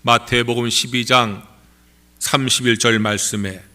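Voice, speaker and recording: A man preaching a Sunday sermon as pastor, measured and emphatic, with rising stresses and formal blessings. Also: mid-range voice, steady tone, sharp tone. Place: church sanctuary.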